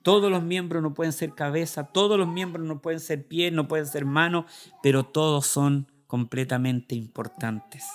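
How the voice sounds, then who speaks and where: A man with a Chilean Spanish accent delivers an earnest, confessional sermon as a pastor. His voice sits a little higher than most men's, and he often acts out his own prayers and struggles aloud. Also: moderate pace.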